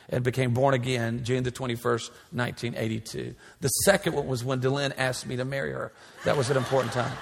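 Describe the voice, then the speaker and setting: Pastor, male, 40s. Emphatic, repetitive sermon delivery; mid-pitched voice, long hall reverb. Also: creaky. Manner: emphatic, repetitive preaching cadence. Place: large church sanctuary.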